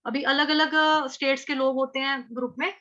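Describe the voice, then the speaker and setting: A woman with a North Indian accent teaches verse pronunciation in a high, bright voice. She breaks words into syllables, repeats them slowly and chants the lines. The recording sounds dull and lo-fi. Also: steady tone.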